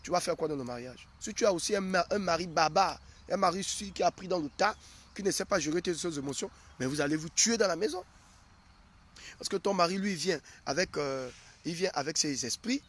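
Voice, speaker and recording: Speaking straight to his followers in a live sermon, this prophet drives his point home by asking the same questions again and again. He talks briskly in a fairly high, slightly bright voice with lively intonation.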